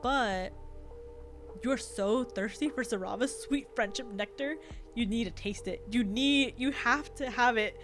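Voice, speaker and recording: Female game streamer: high voice, informal, giggly, switches between chat and read-aloud narration, music behind. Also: measured pace.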